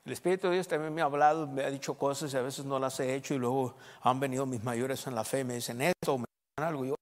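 A man preaching a sermon as pastor, emphatic, swinging between loud and soft and checking in with the congregation. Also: medium pitch, fairly even intonation, fast talker. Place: church. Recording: long church reverb.

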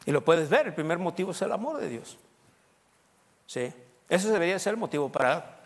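A middle-aged man preaching a sermon as pastor, emphatic and rising to loud peaks as he counts off his points. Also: fairly high pitch, expressive, fairly quick. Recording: long hall reverb.

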